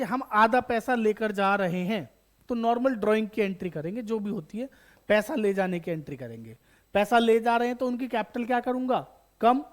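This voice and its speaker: A man teaching an online accountancy lesson to school students, asking them questions and answering them himself, repeating key terms and addressing them as children. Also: high voice. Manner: calls students beta, bachche, addresses viewers directly. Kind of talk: online exam-prep lesson.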